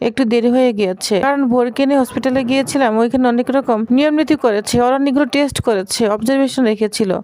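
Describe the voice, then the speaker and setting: A woman voicing a calm, dutiful young husband who explains himself reasonably, in a retold serial story. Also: high-pitched, fast talker, few pauses, slight background noise, natural voice. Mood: explaining.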